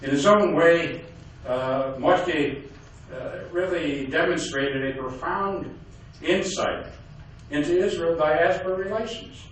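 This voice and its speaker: An older man giving a speech to a community audience, halting with many fillers and restarts. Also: a little high, a little hiss or hum. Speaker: guest speaker. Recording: echoey hall from far off.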